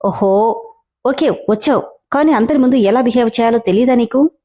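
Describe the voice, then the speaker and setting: A woman's voice: fairly high pitch, brisk, warm tone, close to an everyday voice. A woman voicing a stern young man, a company boss, with clipped scolding commands in a story reading.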